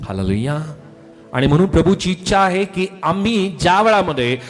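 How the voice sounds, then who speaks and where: A man preaching a sermon as pastor, often calling out hallelujah and swinging between loud calls and quiet asides. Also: high voice, very animated, normal speed, long reverb tail, soft background music. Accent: Marathi. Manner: repeats hallelujah, swings from shouts to soft asides. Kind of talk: Marathi sermon.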